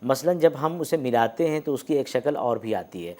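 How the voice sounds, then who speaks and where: A man's voice: medium pitch, animated, dark tone. A man giving an academic lecture on letters and pronunciation, explaining patiently with frequent hesitations and spoken example sounds. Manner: explains slowly with many hesitations and demonstrated sounds.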